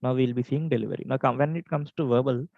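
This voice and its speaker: A man's voice: mid-range voice, fairly even intonation, fast, gravelly, dry recording, muffled recording. A man with an Indian English accent teaching public speaking on a video call, his throat dry from being unwell, listing points in an instructive way. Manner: instructive, list-like, varies pace for examples. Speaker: speech contest trainer. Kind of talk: online educational talk. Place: home, online meeting.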